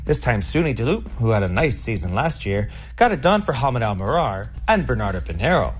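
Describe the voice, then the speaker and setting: A man's voice: medium pitch, very animated, fairly quick, slightly rough. A man presenting a scripted recap of horse racing results as a show narrator. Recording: music bed behind the voice. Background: music.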